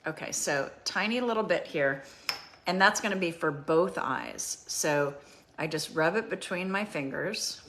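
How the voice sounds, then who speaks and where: Chatty woman in her fifties, lower voice. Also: animated, a little slow, fairly bright tone, slight background noise. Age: 50s. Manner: chatty, with frequent ums. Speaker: beauty show host. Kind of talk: casual product demonstration.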